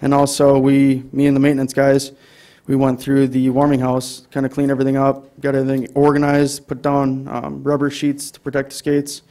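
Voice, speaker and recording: Man, Upper Midwest American accent, flat delivery, mellow voice, halting with fillers, council chamber. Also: mid-range voice. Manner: hesitant, many fillers. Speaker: city staff presenting to council. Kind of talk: council meeting presentation.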